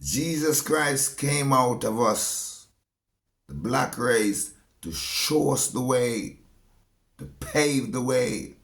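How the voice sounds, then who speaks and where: A man with a Jamaican accent delivering a slow, preachy monologue. He stresses his points and often repeats phrases. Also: mid-range voice, lively intonation, a bit bright, echoey room. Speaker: speaker giving a monologue.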